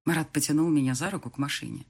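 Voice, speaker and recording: A woman narrating a first-person audiobook in an expressive, animated way. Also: deep voice, rapid-fire, vocal fry, slightly rough.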